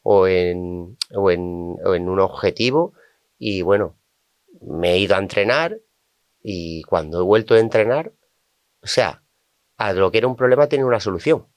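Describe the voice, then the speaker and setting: A man speaking as a guest on a podcast, a sports coach from Spain who tells stories and acts out his clients' words in lively asides. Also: deep voice, moderate pace, pauses often, no room sound. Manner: animated, quotes clients in asides. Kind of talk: conversational storytelling.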